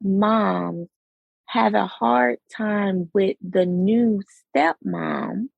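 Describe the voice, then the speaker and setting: Raspy-voiced woman podcast host, slow and gravelly. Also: medium pitch, no echo, narrow, tinny audio. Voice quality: raspy late-night voice. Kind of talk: casual podcast chat.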